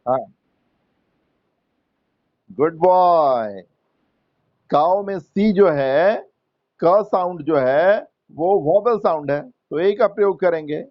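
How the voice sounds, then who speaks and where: A man teaching English grammar to students, slow and patient, repeating words and quizzing the class. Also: high-pitched, lively intonation, dry recording, muffled recording. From India. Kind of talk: Hindi-English grammar lesson.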